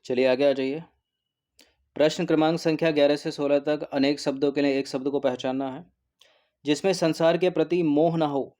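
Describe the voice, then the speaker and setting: A man giving a recorded exam-prep lesson who explains each answer and repeats words slowly, often adding a quick "okay". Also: on the high side, steady tone, warm tone. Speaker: exam coaching teacher.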